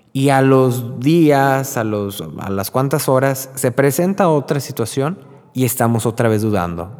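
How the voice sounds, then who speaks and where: A man with a Mexican accent giving an informal Bible reflection, telling the story in a lively, conversational way with many fillers. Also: mid-range voice. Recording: long hall reverb.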